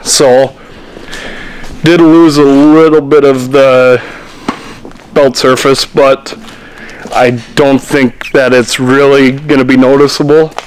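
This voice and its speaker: A man's voice: medium pitch, little pitch movement, slow pace, pauses often, poor audio. A young man on his farm, talking easygoing into a camera he holds at arm's length, thinking aloud with fillers. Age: young adult. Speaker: farm vlogger. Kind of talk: casual vlog narration. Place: tractor cab, outdoors on farm and machine shed.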